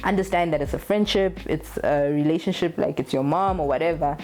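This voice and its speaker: Low-voiced, blunt young woman vlogger. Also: a little fast, a little mellow. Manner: candid, blunt, swears freely, laughs often. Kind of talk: casual talk to camera.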